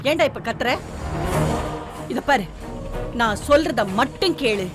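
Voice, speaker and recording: A woman's voice: on the high side, expressive, measured pace. An actress playing a middle-aged mother who laments and scolds her son over a called-off wedding. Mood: indignant. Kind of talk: TV serial acting. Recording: with loud background music.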